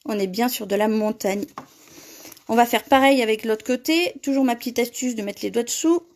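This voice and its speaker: A woman's voice: on the high side, moderate pace. A woman hosting a live paper-craft tutorial, chatting with viewers and laughing often as she reads their comments.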